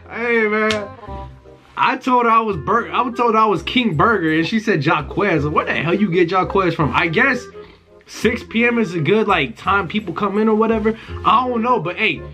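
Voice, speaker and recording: A man's voice: high voice, lively intonation, moderate pace, pushed and bright, soft background music. A young man chatting casually as a prank-call host, slangy and sweary, calling everyone bro. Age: young adult. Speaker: prank caller and video host. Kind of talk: casual chat. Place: indoors in front of a dark backdrop.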